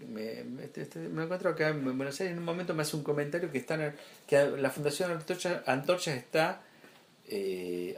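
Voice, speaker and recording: A man with an Argentine accent, a guest in an interview, telling stories in a casual way with frequent fillers and restarts. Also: medium pitch. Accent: Argentine Spanish. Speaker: interview guest, art curator. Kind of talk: casual conversation.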